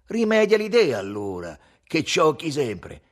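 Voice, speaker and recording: A man voicing an impatient young man who repeats himself insistently, with a husky voice. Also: a little high, huge pitch swings, a little slow, voice pushed up, heavily acted.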